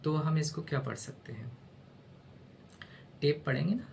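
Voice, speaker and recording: A man's voice: on the high side, unhurried, gravelly, darkish tone, a little hiss or hum. A male teacher gives a casual spoken lesson, spelling letters aloud and often asking "है ना?".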